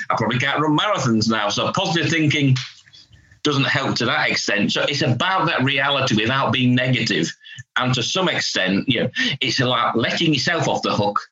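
Man, Hull accent, northern English, bright forceful voice, plain-spoken, dull lo-fi recording. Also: mid-range voice, animated, normal speed. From Hull, England. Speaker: interview guest, psychologist. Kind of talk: conversational expert discussion. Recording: dull lo-fi audio.

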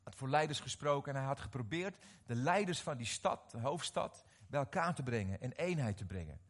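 A middle-aged man preaching a sermon, animated and often questioning his audience, repeating words as he restarts. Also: mid-range voice, a little fast. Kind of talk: sermon to a live congregation.

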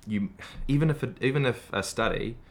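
A man's voice: mid-range voice, brisk. A man speaking as a guest in a casual podcast conversation about medical research, thoughtful and full of "you know" fillers.

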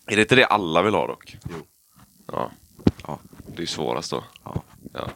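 A young man hosting a casual podcast chat, a lively storyteller who swears freely and laughs often. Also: low-pitched, gravelly, slight background noise. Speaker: podcast host.

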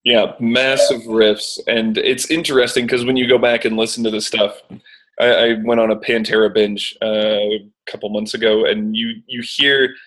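A man's voice: lowish voice, level tone, normal speed, a bit bright. A man co-hosting a casual guitar podcast, telling stories in an easygoing way and laughing often. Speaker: podcast co-host. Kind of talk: casual chat.

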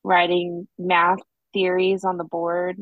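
A woman's voice: fairly low pitch, monotone, takes it slowly, no echo, phone-quality sound. A woman co-hosting a casual podcast, blunt and sarcastic, swearing freely. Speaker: podcast co-host. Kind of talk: casual chat.

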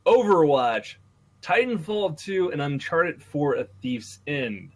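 A man's voice: a little high, very animated, slow pace, breathy edge. A man hosting a podcast, talking through news casually with strong opinions and swearing. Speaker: podcast host.

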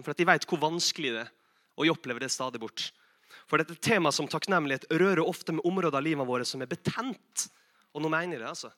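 A young man preaching a sermon, earnest and direct, asking the congregation rhetorical questions and shifting between loud emphatic calls and soft, low confessional passages.

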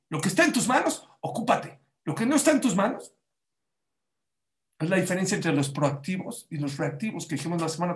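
A man preaching a Torah sermon, emphatic and questioning his listeners directly, with Hebrew religious terms mixed in. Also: sits high. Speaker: rabbi teaching a Torah class. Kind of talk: Spanish-language Torah sermon. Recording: roomy echo.

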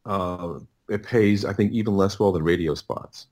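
Speaking as an interview guest in a relaxed conversation, a middle-aged man who produces audiobooks talks in a low, somewhat mellow voice. His answers wander, full of repeated words and sentences he starts over.

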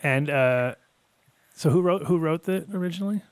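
A man's voice: a little high, moderate pace, smooth, no echo. A man in his fifties from upstate New York, hosting a casual interview and asking loose, rambling questions. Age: 50s. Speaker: podcast host.

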